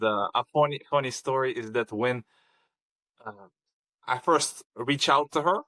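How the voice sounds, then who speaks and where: This podcast guest, a man from Kazakhstan, talks in a mid-range, slightly bright voice during a conversational interview. He is hesitant, often saying um and starting over, and there is no echo on the recording.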